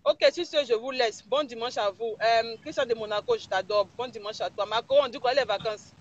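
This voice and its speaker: A woman's voice: fairly high pitch, fairly quick, highs cut off. A woman blogger, ranting mockingly and insulting someone during a live stream. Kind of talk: live-stream gossip rant.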